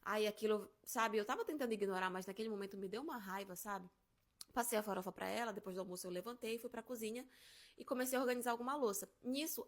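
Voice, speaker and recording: Young woman, quick, slightly high voice, lively casual storyteller. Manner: animated, acts out quotes.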